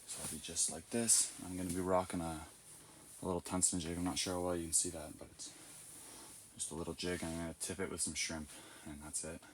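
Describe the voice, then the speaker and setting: A man's voice: low voice, flat delivery, a little fast. A man giving casual, slangy fishing vlog commentary in a laid-back way, recorded on location. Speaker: fishing vlogger. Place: inside an ice fishing tent and outdoors on a lake. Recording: noisy outdoor ice fishing recording.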